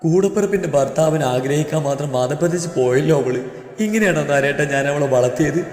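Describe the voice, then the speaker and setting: A man's voice: fairly high pitch, brisk, darkish tone, close to an everyday voice. A man voicing a grieving middle-aged mother who speaks tearfully and reproachfully, in a story reading. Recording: echoey reverberant audio with music.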